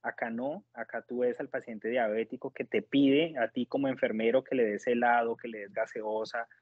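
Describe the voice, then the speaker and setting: A man from Colombia, giving a conversational testimonial and pausing to search for his words. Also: medium pitch, steady tone, dry recording, phone-quality sound. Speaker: nurse working in the United States, interviewee.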